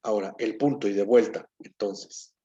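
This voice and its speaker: A man's voice: fairly low pitch, steady tone, moderate pace, dark tone, dull audio. A man teaching a grammar lesson, explaining step by step and often checking in with his listeners. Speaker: Hebrew teacher.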